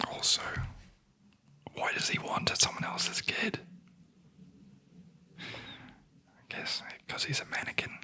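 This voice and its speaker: Whispered sleep story narrator, ASMR, very breathy, crisp sharp sibilance, wry deadpan storyteller. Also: slow pace, long pauses.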